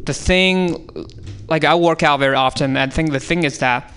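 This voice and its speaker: In a radio studio, a Chinese man with a Chinese accent improvises comedy on audience prompts, rambling through bits packed with fillers and restarts. He speaks at a moderate pace with a fairly high pitch and a smooth, fairly bright tone.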